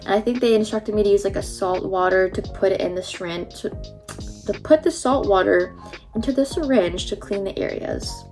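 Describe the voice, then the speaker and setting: A woman's voice: medium pitch, moderate pace, darkish tone, soft background music. A young woman with a slight lisp from a numb mouth after wisdom teeth surgery, chatting informally in a casual personal vlog.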